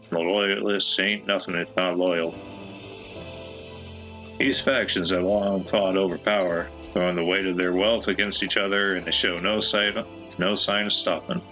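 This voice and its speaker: A man's voice: sits low, bright, forceful tone, rough recording. A man voicing a chatty, folksy old male peddler with a put-on American Southwestern drawl, reading game dialogue in character.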